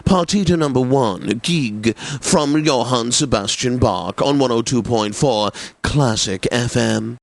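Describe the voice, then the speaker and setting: A man plays a pompous, refined classical radio DJ in a video game, presenting with affected, deliberate enunciation and droll gentility. His medium-pitched voice is creaky, the mood genteel and self-satisfied, and the recording dry.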